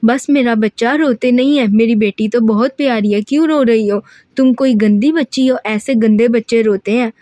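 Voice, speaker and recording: A woman's voice: fairly high pitch, moderate pace, hardly any pauses, a little mellow, no room sound, studio quality, natural voice. A woman voicing a sulky, childlike young woman who throws tantrums, in a whiny, pouting way. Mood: coaxing.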